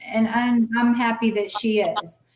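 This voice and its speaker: A woman's voice: a little high, fairly even intonation, unhurried, darkish tone, a little hiss or hum. A middle-aged woman telling a personal story candidly and bluntly, swearing freely and acting out past conversations in quoted voices. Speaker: guest sharing her story. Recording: roomy echo.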